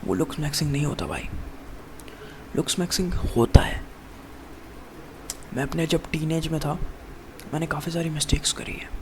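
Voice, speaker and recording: A young fitness vlogger with a gravelly voice, pitched on the high side and a little mellow, rambles casually to the camera at a moderate pace with long pauses. He keeps calling the viewer "bhai" and restarts his sentences often. There is slight background noise.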